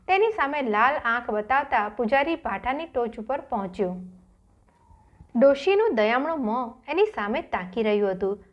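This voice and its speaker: A woman narrating a storybook in a dramatic, measured reading style. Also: high-pitched, lo-fi sound.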